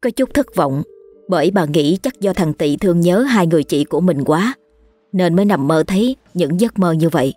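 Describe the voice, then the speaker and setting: Low-voiced woman narrating a ghost story. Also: lively intonation, normal speed, dark tone, soft background music.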